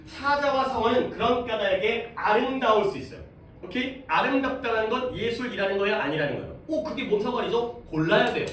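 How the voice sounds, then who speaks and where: A man's voice: very high-pitched, brisk, fairly bright tone. A male English teacher giving a classroom reading lesson, explaining step by step and putting questions to the class. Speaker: high school English teacher. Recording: echoey room, mic at a distance, faint background noise.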